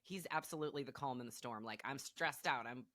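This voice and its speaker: A woman's voice: very deep voice, brisk, fairly bright tone, no echo, studio quality. A woman co-hosting a podcast, rambling in casual chat with many fillers and restarts. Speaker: podcast co-host.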